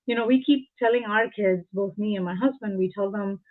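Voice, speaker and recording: A woman's voice: medium pitch, a little fast. A woman in her forties, from India, speaking as an interview guest in an earnest, reflective way, drawing on personal examples. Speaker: guest, engineering leader. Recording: tinny phone-like call audio.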